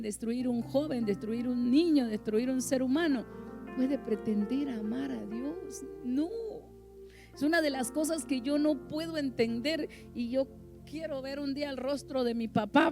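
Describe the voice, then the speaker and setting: A middle-aged woman preaching a sermon in a church, impassioned and emphatic, rising to loud peaks. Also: high-pitched.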